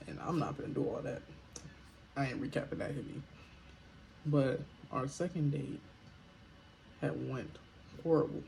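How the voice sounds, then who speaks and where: A man's voice: mid-range voice, measured pace, creaky, long pauses, warm tone, a little hiss or hum, low-quality recording. A young man casually telling a storytime vlog in a laid-back, slangy way with joking asides. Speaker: vlogger.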